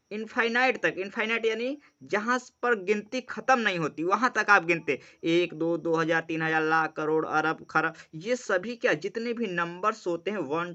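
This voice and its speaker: A male math teacher leads an exam-prep lesson in a drilling, repetitive way, calling his students "beta" and answering his own questions. His voice sits high and sounds bright and forceful. The recording is dull and lo-fi.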